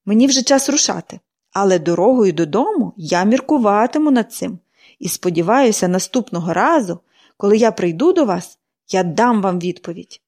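A woman reader voicing a cheerful, chatty young girl who speaks brightly and eagerly. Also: medium pitch, expressive, moderate pace.

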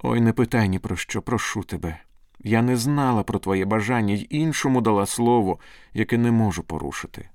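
A man voicing a young woman torn between two brothers, speaking softly and pleadingly in a storybook reading. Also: on the low side, brisk, no room sound, studio quality, close to an everyday voice.

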